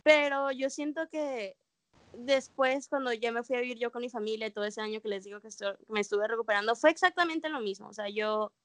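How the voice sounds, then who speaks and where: A woman's voice: fairly high pitch, fairly quick, no echo. Mexican young woman telling a candid story. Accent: Mexican Spanish. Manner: candid, personal storytelling with slang. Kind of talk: casual chat.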